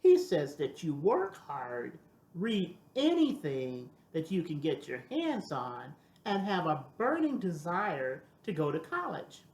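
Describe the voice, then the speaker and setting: Older woman reading as a measured, kindly gentleman. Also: deep voice, very animated, echoey room, full character voice. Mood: kindly, encouraging. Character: dignified, kindly gentleman doctor, encouraging and courteous.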